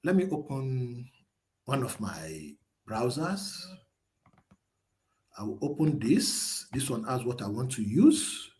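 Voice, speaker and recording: A man's voice: mid-range voice, sing-song, slow pace, long pauses, a little mellow. A man presenting a webinar as a live screen-share tutorial, thinking aloud as he types, restarting and correcting himself.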